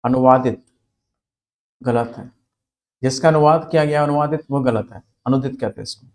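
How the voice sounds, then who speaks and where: A man teaching a spelling lesson, asking questions and answering them himself, repeating key words slowly. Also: medium pitch, darkish tone. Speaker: Hindi grammar teacher.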